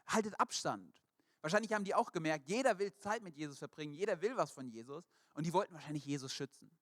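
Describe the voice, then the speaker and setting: A male preacher with a fairly high voice tells stories in a lively, animated way during a sermon, slipping into the voices of the people he describes. The recording is dry and close, with no room sound. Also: fast talker, no room sound.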